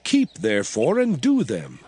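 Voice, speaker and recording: A man playing Moses, a solemn, commanding prophet, in a dramatized scripture reading with measured, declamatory phrasing. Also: mid-range voice, wildly swooping pitch, a little mellow, slightly rough, dry recording, exaggerated voice. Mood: earnest exhortation. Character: Moses, solemn commanding elder prophet addressing his people. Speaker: dramatized Bible narrator.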